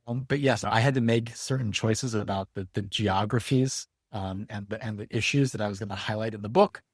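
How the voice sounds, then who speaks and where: A man speaking as a guest educator in an interview, thoughtful and measured. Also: lowish voice, breathy edge, no echo, studio quality. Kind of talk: reflective interview talk.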